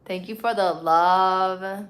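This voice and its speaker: Female livestream host, Puerto Rican accent, medium pitch, informal and playful, answering comments in loose slangy talk. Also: steady tone, takes it slowly, a bit bright. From Puerto Rico. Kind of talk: casual live-stream chat answering viewer comments.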